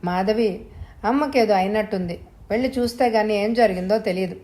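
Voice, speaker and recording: A woman's voice: medium pitch, fairly quick, darkish tone, lightly acted. A grown son speaks with urgent command and a calculating edge, voiced by a woman storyteller. Short, pressing sentences. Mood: persuasive. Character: adult son, anxious and calculating.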